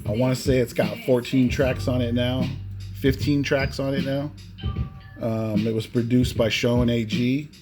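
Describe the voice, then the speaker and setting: With music playing in the background, a collector shows off his cassettes in a relaxed, unscripted vlog, tacking "man" onto his phrases. He talks at normal speed in a medium-pitched voice with fairly even intonation.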